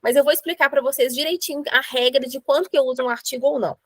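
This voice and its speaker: A woman teaching an English grammar class, explaining step by step and slowing down to spell out examples. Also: sits high, a bit bright, dry recording, rough recording.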